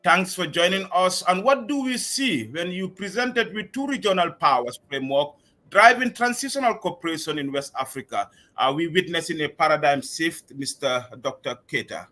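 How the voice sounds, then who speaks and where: Bright-voiced male talk-show host. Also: a little high, expressive, faint music behind. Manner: measured, formal scripted delivery. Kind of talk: formal current-affairs interviewing.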